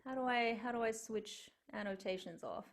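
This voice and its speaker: A young Australian woman with a fairly high voice speaks at a moderate pace, delivering an online lecture as a cellist over a video call from a room at home. She comes across chatty and earnest, with frequent ums.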